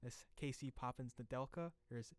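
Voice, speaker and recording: A young man hosting a laid-back interview, choosing his words politely and earnestly. His voice is smooth and resonant, recorded close and dry. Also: medium pitch, brisk, dry recording. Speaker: podcast host. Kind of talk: casual interview.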